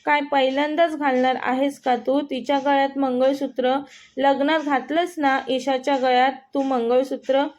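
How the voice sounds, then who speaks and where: A woman's voice: high-pitched, little pitch movement, moderate pace, a little mellow, dull audio, lightly acted. A woman voicing an affectionate old grandmother who teases and scolds her grandson fondly. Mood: fond scolding. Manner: scolding, fond teasing.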